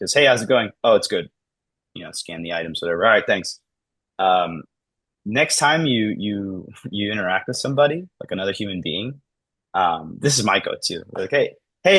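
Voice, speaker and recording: A man in his thirties talking casually as a podcast guest, acting out everyday conversations in lively voices and often saying "like" and "man". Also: lowish voice, dry recording. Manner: animated, acts out dialogue in lively voices, says "like" and "man" often.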